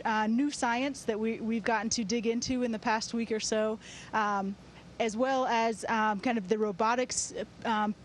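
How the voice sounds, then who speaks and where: A woman with a slightly high voice explains things in a measured interview style, as an astronaut would. A faint rumbling noise sits behind her voice. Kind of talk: interview answers over a space-to-ground link. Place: aboard a space station. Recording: steady rumbling background noise on link.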